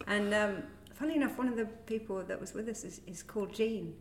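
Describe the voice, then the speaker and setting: A woman's voice: medium pitch, brisk. A woman co-hosting a casual comedy podcast, giggling often as she chats. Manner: giggly and animated, laughs often. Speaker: podcast co-host. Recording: roomy echoey room with faint noise.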